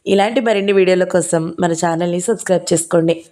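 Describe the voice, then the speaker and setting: Mellow-voiced woman reading a novel aloud. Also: lowish voice, steady tone, fast talker. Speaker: audiobook reader. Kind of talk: audio novel narration.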